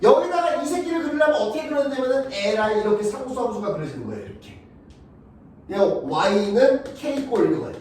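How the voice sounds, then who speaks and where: A male math teacher lectures with a lively, swooping voice, rough and full of crude words, always asking whether the students are following. He is recorded from far off in a very echoey classroom. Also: very high-pitched, brisk, slight background noise. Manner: blunt, crude and profane, keeps checking if students follow.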